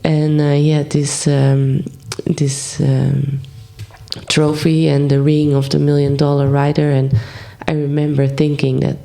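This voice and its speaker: Relaxed gravelly woman in her thirties. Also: low-pitched, measured pace. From Belgium. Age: 30s. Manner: relaxed, many fillers, laughs often. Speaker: horse trainer, guest. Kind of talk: casual interview.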